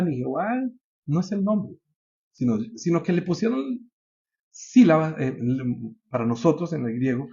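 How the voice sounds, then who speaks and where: A man preaching a sermon, climbing to high emphatic peaks and putting questions to his congregation. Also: darkish tone, muffled recording.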